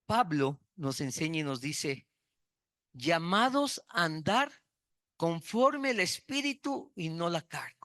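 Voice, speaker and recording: A man's voice: a little high, very animated, slow pace, fairly bright tone, no room sound, clean studio sound. A man preaching a sermon, repeating key words for emphasis and telling personal stories.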